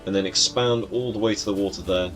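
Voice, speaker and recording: A man streaming a game, a little hoarse as he loses his voice, rambling casually and teasing the creatures on screen. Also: fairly low pitch, steady tone, quick pace. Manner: rambling, muttering to himself, teasing the game's creatures. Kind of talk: casual gameplay commentary. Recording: music in the background.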